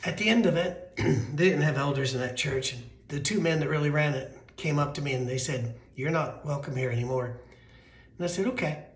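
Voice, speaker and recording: American male pastor, thin weak voice a bit high, conversational storytelling sermon, roomy echo. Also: a little fast, few pauses. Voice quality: thin, weakened voice. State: voice weak from allergies. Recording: roomy, echoing sound.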